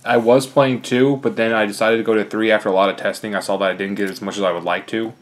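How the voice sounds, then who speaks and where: Speaking quickly in a lowish voice with fairly even intonation, a young man talks through his card deck in a rambling, filler-heavy way. He sounds slightly out of breath and casual.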